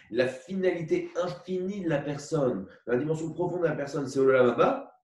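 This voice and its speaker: A man teaching a religious lesson, explaining slowly with many repetitions and asides and asking for agreement. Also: on the high side. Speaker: Torah teacher. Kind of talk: religious lecture with a parable. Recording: echoey room recorded from far off.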